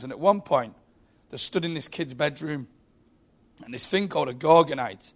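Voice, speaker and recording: A man preaching a sermon in a church, telling stories with frequent restarts and repeated words. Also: fairly high pitch.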